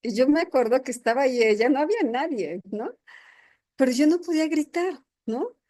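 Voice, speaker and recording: A woman with a somewhat high voice gives a sermon-style testimony as a church leader. She talks earnestly and keeps checking in with tag questions. She speaks into a microphone at an indoor gathering. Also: expressive, fairly quick, warm tone.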